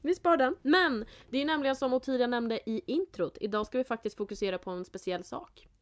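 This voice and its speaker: Chatty young woman podcast co-host. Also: on the high side. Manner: chatty, laughs often. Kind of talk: casual chat.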